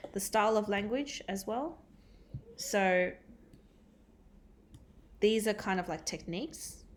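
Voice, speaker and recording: A woman teacher giving a recorded catch-up lesson, explaining step by step with frequent ums and uhs. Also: mid-range voice. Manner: explains step by step with many fillers.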